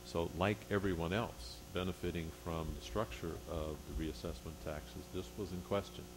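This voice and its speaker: A man giving a formal explanatory report to a board, phrasing things carefully and haltingly. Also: low-pitched, fairly even intonation. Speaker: agency official reporting to a board. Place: public board meeting room. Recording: noisy meeting room with hum.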